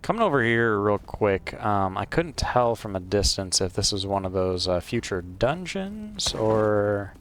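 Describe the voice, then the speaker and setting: A lowish voice with big pitch swings carries this let's play host's casual game commentary, with slight background noise behind it. He rambles slowly and hesitantly, full of ums and uhs, recorded on a wired mic at his home gaming setup.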